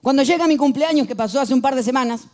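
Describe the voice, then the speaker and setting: A man in his thirties with an Argentine accent, preaching a sermon in an animated, humorous way and acting out shouted quotes. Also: very high voice, fast talker, a little hiss or hum. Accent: Argentine Spanish. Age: 30s.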